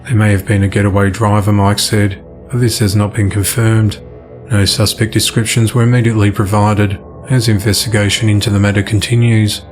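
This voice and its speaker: Male newsreader, deep and flat, steady scripted read over a soft music bed. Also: brisk. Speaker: news reader. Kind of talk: scripted news reading.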